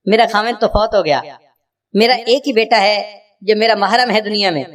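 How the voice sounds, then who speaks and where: A male preacher telling a moral story in a sermon, in an earnest, emotive way. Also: sits high. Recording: voice distant from the mic.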